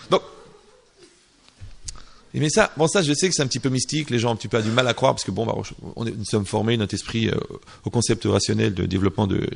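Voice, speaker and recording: A man giving an informal religious lesson in French, lively and conversational, acting out short dialogues and dropping in Hebrew terms. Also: fairly low pitch, gravelly. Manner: animated, acts out little dialogues, slips in Hebrew terms. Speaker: religious teacher.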